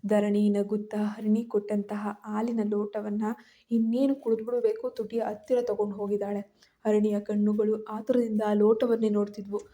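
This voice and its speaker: A woman narrating a scripted family drama story in a steady reading voice. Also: medium pitch, a little hiss or hum.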